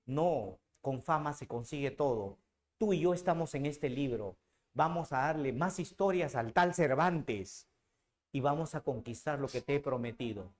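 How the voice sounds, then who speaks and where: A man's voice: mid-range voice, animated, unhurried, close to an everyday voice. A man acting out an aging knight who has come back to his senses, speaking in an impassioned way. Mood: moved.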